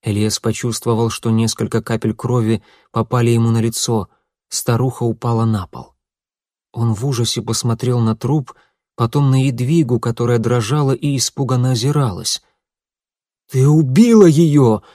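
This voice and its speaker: Steady male audiobook narrator, dry sound. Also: mid-range voice, no echo. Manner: steady, measured storytelling.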